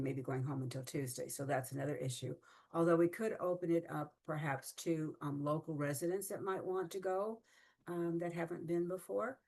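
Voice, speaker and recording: A woman organizing a fan gathering, chatting casually on a video call with many fillers. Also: on the low side.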